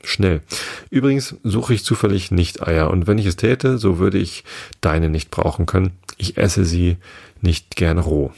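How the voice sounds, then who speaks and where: A man with a low, husky voice voicing a curious, truthful little girl in a storybook reading, with indignant, puzzled questions. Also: measured pace, darkish tone, no room sound, exaggerated voice. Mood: firm.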